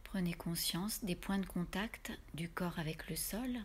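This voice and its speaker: In a soft, breathy, lowish voice, a woman guides a yoga relaxation, her instructions soothing and unhurried with pauses between them.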